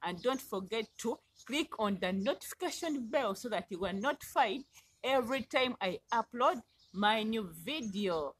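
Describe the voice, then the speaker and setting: A woman's voice: on the high side, lively intonation, moderate pace, noisy background. A young Ugandan woman with a Ugandan accent chatting casually to her camera in a garden, friendly and repetitive, with words drawn out. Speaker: vlogger. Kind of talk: casual vlog talk to camera. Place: outdoors in a garden.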